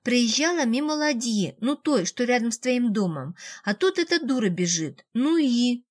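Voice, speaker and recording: A spoiled, careless young woman, voiced by a woman reading a storybook aloud. She whines and pushes her point in a high, insistent voice, brushing off any blame. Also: lively intonation, moderate pace. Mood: dismissive.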